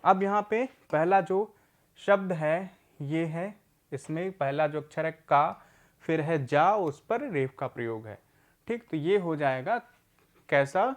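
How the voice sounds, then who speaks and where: Patiently teaching adults to read, a man in a recorded lesson answers his own questions and repeats words slowly. He speaks with a fairly high pitch.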